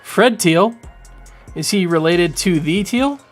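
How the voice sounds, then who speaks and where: A man in his thirties doing casual livestream commentary from home on a boom mic, rambling and animated, full of fillers. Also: takes it slowly, faint music behind. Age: 30s. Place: home room. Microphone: studio mic on boom arm.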